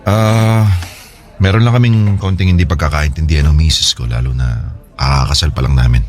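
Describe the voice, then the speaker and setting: The voice is a man's, rumbling low and fairly quick. He's a Filipino-accented actor playing a troubled, hesitant husband in a chatty radio drama, his mood confiding and uneasy.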